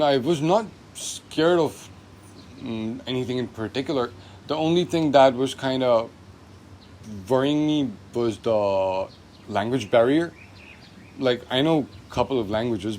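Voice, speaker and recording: A man in his twenties who grew up in Pakistan, speaking in a documentary interview in an easygoing way, often pausing with fillers. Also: mid-range voice, a little mellow, slight background noise. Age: 20s. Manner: easygoing, hesitant with many fillers.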